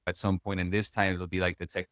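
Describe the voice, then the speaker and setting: A man's voice: deep voice, little pitch movement, quick pace, a bit bright, no echo, studio quality. A man hosting a podcast, asking friendly, chatty questions and rambling through his own thoughts. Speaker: podcast host. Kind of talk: casual podcast interview.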